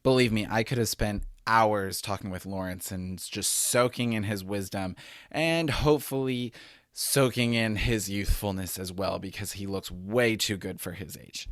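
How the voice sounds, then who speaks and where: A man's voice: lowish voice, measured pace, a bit bright, no room sound, clean studio sound. A man hosting a podcast, introducing the episode and asking questions in an upbeat, friendly way. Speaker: podcast host.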